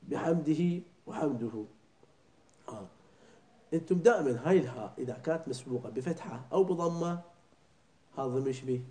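A man teaches a lesson on prayer recitation, drilling pronunciation slowly and checking that his students understand. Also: mid-range voice, mellow. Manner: keeps checking understanding with short questions. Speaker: religious teacher. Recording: echoey room.

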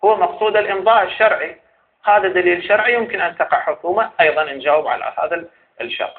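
Brisk high-voiced Iraqi man lecturing. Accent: Iraqi Arabic. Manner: argumentative, poses questions to a rebutted scholar. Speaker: teacher of Islamic jurisprudence. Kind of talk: seminary lecture. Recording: tinny phone-like sound.

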